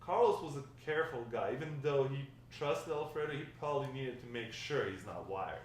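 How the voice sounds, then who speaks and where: Heard from afar in a big, echoing room with a little background noise, a male actor reads the part of a wry grandfather recalling his days dealing drugs. The table-read delivery is brisk and animated, medium in pitch, with a light touch of acting.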